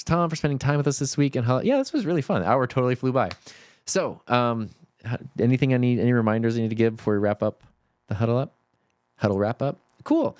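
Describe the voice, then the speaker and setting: A man's voice: fairly low pitch, no room sound. A man hosting a livestream, chatting casually and a bit rambly, with plenty of fillers. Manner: relaxed, rambling, talks with many fillers. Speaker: stand-in livestream host.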